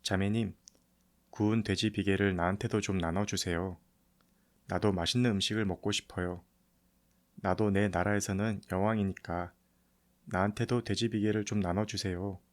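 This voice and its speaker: A man's voice: lowish voice, fairly even intonation, normal speed, close to an everyday voice. A tiny, entitled mouse queen from a storybook, read by a man. She pleads politely and wheedles like someone sure of her rank. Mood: polite pleading. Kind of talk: storybook character reading.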